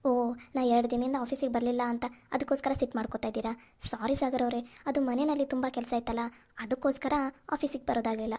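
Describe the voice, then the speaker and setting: A woman's voice: on the high side, steady tone, fast, mellow, lightly acted. A woman voicing an anxious young office worker who talks in a pleading, fretful way. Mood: worried. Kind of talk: cartoon voice acting.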